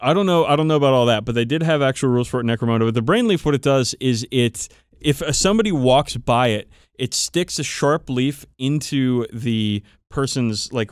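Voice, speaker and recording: Recorded with studio quality and no echo, this mid-range male voice belongs to a podcast co-host. He talks informally and enthusiastically about tabletop game lore, swearing a lot along the way.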